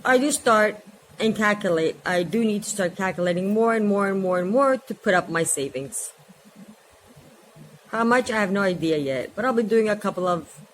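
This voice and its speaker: A woman in her forties talks to her vlog viewers at home in a loose, rambling way, hopping between subjects. Her voice sits at an ordinary middle pitch. A faint hum of background noise runs under her talk. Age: 40s. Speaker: vlogger. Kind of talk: casual vlog chat.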